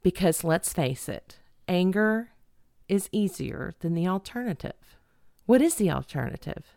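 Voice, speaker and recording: Emphatic middle-aged female podcast host, animated and lively in delivery, dry recording. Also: on the low side, measured pace, creaky, dry recording. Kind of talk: self-help podcast monologue.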